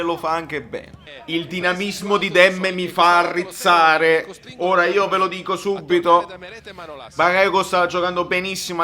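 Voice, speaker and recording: Male football fan, live reaction. Very bright, forceful, animated delivery, emotional and prone to outbursts. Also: high voice. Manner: emotional, exclamatory, shouts in bursts, sweary. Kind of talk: excited live match reaction commentary.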